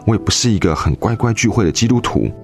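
A man's voice: fairly low pitch, lively intonation, fast, darkish tone, faint music behind. A young man telling his faith testimony in an earnest, emotional way.

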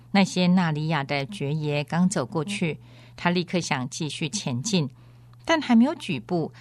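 A woman radio host reads a novel aloud with expressive storytelling. Her pitch sits somewhat low but moves a lot, and the recording is close and dry. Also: no echo. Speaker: radio program host and reader. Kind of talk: scripted narration of a novel.

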